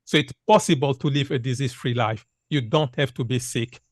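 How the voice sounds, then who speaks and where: A man's voice: mid-range voice, fairly quick, no room sound, studio quality. A man in his fifties from Congo gives an earnest public health talk with many "uh" fillers. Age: 50s. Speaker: speaker giving a health talk.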